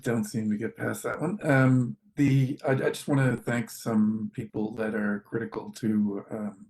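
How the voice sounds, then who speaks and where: A man giving halting remarks at an online meeting, with restarts, his video call audio glitching and breaking up. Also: fairly low pitch, steady tone, darkish tone. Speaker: project lead thanking partners.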